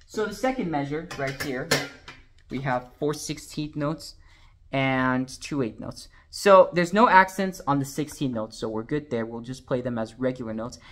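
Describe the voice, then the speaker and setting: Guy explaining drum sheet music, patient, counts out loud, da da da the beats, mid voice. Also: medium pitch, moderate pace, slight background noise. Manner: patient, counts and sings rhythms aloud. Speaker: drumline instructor.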